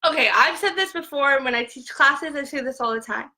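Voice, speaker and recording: A woman's voice: sits high, a little fast, sharp tone, rough recording. A young woman talking on a phone live stream, rambling and emotional, full of "like," tearful at times. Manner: filler-heavy, repeats "like" constantly. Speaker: essential oils seller.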